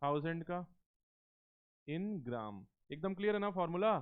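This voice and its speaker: High-voiced male teacher, tinny recording. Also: big pitch swings, smooth. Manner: coaxing, keeps asking students questions and calls them beta; slows down to dictate terms word by word. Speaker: chemistry teacher. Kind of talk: live classroom lecture. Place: classroom. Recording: tinny phone-like lecture recording.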